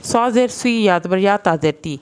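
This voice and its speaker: A woman teaching Quran reading in a recorded lesson, spelling out syllables slowly and blending them, with quicker plain explanations of the rules in between. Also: medium pitch, clear, resonant tone.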